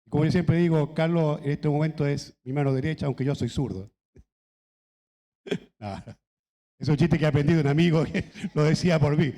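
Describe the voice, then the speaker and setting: A middle-aged man from Chile preaches at a church anniversary, his voice pitched a little high. He tells his stories in a relaxed, chatty way, and a long church-hall reverb trails after his words. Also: fairly quick, pauses often. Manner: conversational storytelling with laughs and asides. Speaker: pastor. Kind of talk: anniversary sermon with anecdotes.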